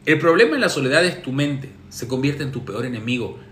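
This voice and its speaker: A man's voice: medium pitch, expressive, a little fast, a bit bright, reverberant, slight background noise. A relationship coach, a man, reads viewer messages and answers them with sarcastic, teasing advice in a casual monologue.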